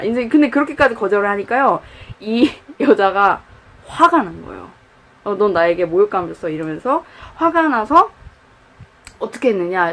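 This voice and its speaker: Animated woman telling a youth sermon. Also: mid-range voice, low-quality recording. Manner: animated, acts out quoted lines. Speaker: youth pastor. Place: church, indoors.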